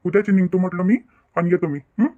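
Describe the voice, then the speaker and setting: A man's voice: sits high, fairly even intonation, fast talker, narrow, tinny audio, close to an everyday voice. A man voicing an older male farmer and father-in-law, folksy and rambling in a cartoon family drama. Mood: reassuring.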